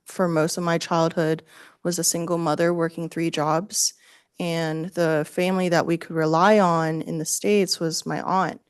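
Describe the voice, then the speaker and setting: A woman in her thirties testifying as a witness in court, answering questions calmly and plainly. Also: fairly low pitch, clear, resonant tone, no echo, studio quality.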